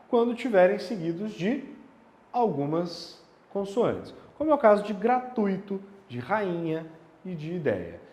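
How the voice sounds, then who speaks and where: A man teaching a grammar lesson, animated and checking in with the viewer through rhetorical questions. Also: high-pitched. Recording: roomy with a long reverb tail.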